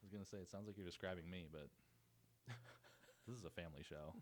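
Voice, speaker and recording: A man's voice: low-pitched, fairly quick. A man from Montana, a guest on a casual podcast, rambling with enthusiasm and swearing casually. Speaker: podcast guest, glass artist. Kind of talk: casual chat.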